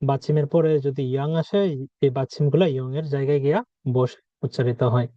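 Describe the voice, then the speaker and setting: A man teaching a language lesson, explaining rules, asking questions aloud and repeating example words slowly. He is a native speaker of Bengali. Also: medium pitch, fairly even intonation, dry recording, muffled recording.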